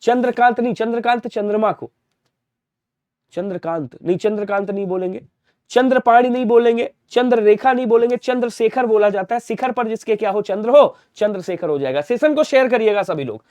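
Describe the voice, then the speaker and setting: A young man with a high, bright-sounding voice runs a rapid-fire Hindi grammar drill. He repeats each word, asks the class a question and then answers it himself. The recording is dry and close, with no room sound. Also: dry recording. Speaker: online exam-prep Hindi teacher.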